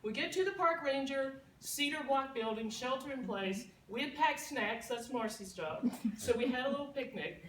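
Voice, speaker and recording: A woman with a drawl tells a party story, laughing as she goes, her voice bright and a touch high. She sounds distant in an echoey room. It is a casual, lively toast. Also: moderate pace, slight background noise. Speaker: party guest giving a toast. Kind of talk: storytelling speech.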